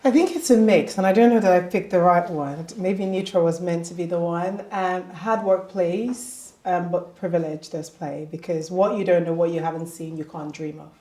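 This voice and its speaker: Woman, 40s, HR professional on a podcast; lower voice, measured delivery, echoey room sound. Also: fairly even intonation, warm tone. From outside the UK. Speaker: HR professional and author. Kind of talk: casual podcast discussion. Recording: roomy echo.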